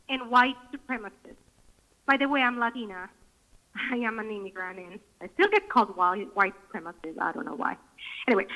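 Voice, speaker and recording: Over a muffled speakerphone line, a parent at a school board meeting delivers an indignant, confrontational public comment. Her voice sits on the high side and sounds sharp.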